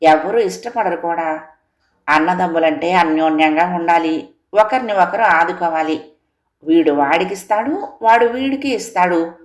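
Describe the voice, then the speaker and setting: A woman doing a slow, scolding old mother-in-law. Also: medium pitch, reverberant, voice pushed up, lightly acted. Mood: chiding. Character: elderly mother-in-law, fond of her sons.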